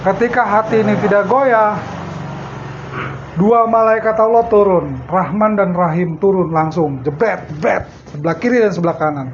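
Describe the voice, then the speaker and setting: A man giving a casual religious study talk, chatting and laughing often. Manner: chatty, laughs often, quotes his teachers in a low soft voice. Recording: dull lo-fi recording with faint noise.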